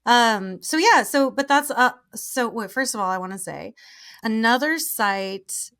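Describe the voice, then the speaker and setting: A woman's voice: a little high, animated, a little slow, a bit bright. A woman hosting a podcast in a casual interview chat, chatty with frequent laughs and filler words. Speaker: podcast host.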